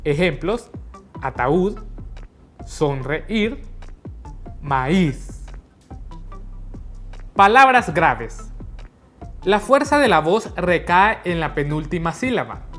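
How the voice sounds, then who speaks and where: A woman narrating a scripted lesson, explaining each point slowly and carefully. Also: fairly low pitch, lively intonation. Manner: slow, carefully spelled-out teaching. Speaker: teacher. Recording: soft background music.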